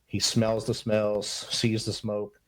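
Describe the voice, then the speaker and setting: A man's voice: fairly low pitch, completely flat delivery, slow, a little hiss or hum. A middle-aged man, a podcast guest, speaking in an earnest, upbeat and motivational way in a casual interview. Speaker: podcast guest, Army veteran and mentor.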